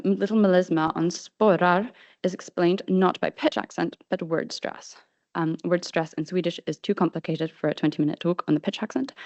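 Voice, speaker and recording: A woman presenting an academic paper at a conference, reading from a script in a measured way with frequent ums. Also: on the low side, darkish tone, no room sound. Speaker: conference speaker. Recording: dull, lo-fi sound.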